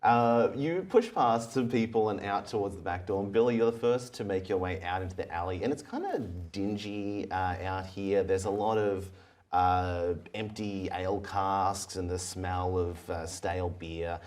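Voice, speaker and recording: A man narrating a tabletop game as game master, telling the story in a halting, conversational way. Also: deep voice, a little mellow.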